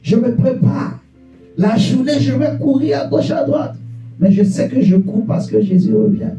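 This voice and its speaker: A man preaching a fervent sermon to a congregation, repeating rhetorical questions and bursting into shouts. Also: very high-pitched, huge pitch swings, normal speed. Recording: echoey church room, distant mic, faint guitar.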